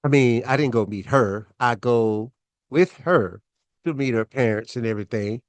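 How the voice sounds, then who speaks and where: A man's voice: mid-range voice, moderate pace, no room sound. A man hosting his own show, telling a personal story in a laid-back, chatty way with lots of fillers.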